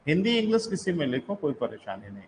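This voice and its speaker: A man's voice: a little high, big pitch swings, quick pace, a little hiss or hum, rough recording. A male teacher giving a live online lecture, dictating notes, asking check questions and calling his students "beta".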